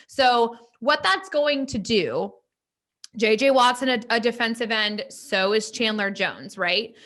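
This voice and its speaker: A young woman co-hosting a casual sports podcast, chatty and animated, peppering her talk with "like". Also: fairly high pitch. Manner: chatty, heavy use of "like", animated. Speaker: podcast co-host.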